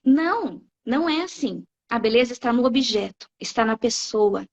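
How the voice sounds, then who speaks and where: A blunt, animated Brazilian woman with a Brazilian Portuguese accent speaks in an emphatic, preaching style at a moderate pace, her voice slightly high. She keeps tagging her lines with "né?". The audio is a dull, lo-fi live stream.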